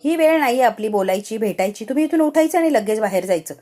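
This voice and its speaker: A woman's voice: fairly high pitch, expressive, fast talker, warm tone, natural voice. A woman voicing a firm young daughter-in-law who scolds and gives orders.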